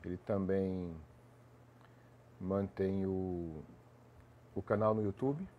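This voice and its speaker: A man's voice: sits low, fairly even intonation, takes it slowly, phone-quality sound, slight background noise. A man with a cold, sounding congested, hosting a casual live stream, greeting viewers by name as he rambles with restarts.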